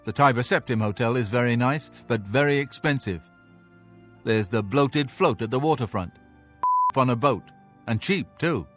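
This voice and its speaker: A man's voice: medium pitch, normal speed, a bit bright, faint music behind, close to an everyday voice. A man voicing a blunt, businesslike townsman in a fantasy game, with scripted dialogue. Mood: matter-of-fact.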